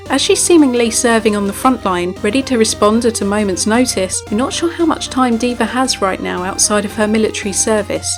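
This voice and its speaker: A woman's voice: on the high side, a little fast, hardly any pauses. A woman giving a scripted narration for a video game feature. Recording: music behind. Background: background music.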